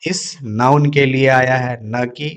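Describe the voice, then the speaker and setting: Slow, repetitive male grammar teacher. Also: medium pitch, fairly even intonation. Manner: repeats words slowly, asks and answers his own questions. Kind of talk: classroom lesson.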